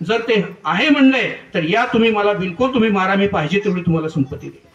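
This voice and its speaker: A man voicing a calm, fearless male sage who patiently questions a robber, within a devotional story. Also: sits high, quick pace, lo-fi sound. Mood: persuasive. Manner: calm, persuasive. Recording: echoey room heard from far off.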